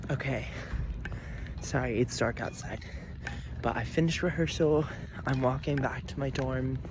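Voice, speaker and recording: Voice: medium pitch, unhurried, noisy background. A person in their twenties, a college student vlogging casually while walking around outdoors, rambling and laughing often. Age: 20s. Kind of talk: casual vlog chat.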